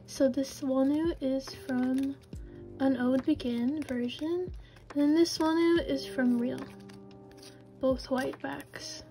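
A young woman vlogging a casual unboxing, often gasping and squealing with excitement. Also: high-pitched, takes it slowly, soft background music.

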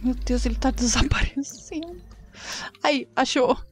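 A Brazilian woman casually commenting on a life-sim game, animated and dramatic, voicing her character's lines. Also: measured pace. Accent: Brazilian Portuguese. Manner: animated, swings into high dramatic outbursts. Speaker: gameplay streamer.

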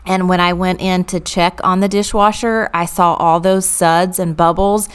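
A woman's voice: on the low side, level tone, normal speed, clear, resonant tone. A woman, chatting through a clean-with-me voice-over and telling stories from her childhood. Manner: chatty, storytelling, amused. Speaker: vlogger.

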